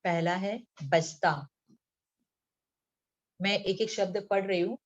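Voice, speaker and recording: A woman teacher from Mumbai giving a slow, patient lesson to young children, reading words one by one and often checking in with the class. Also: medium pitch, steady tone. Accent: Mumbai Hindi. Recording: dull lo-fi sound.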